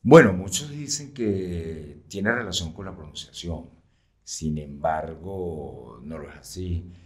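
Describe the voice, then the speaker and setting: A man with a very low voice explains things slowly and patiently in an interview. He often fills pauses and checks in with his listener. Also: animated, darkish tone. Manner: patient, frequent fillers, checks in with "¿sí?". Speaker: French teacher.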